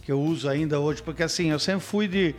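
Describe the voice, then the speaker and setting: A man, a radio announcer telling stories in a relaxed interview and mimicking stiff announcer voices. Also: on the high side, brisk, faint music behind. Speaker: radio announcer and podcast guest. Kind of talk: casual interview chat.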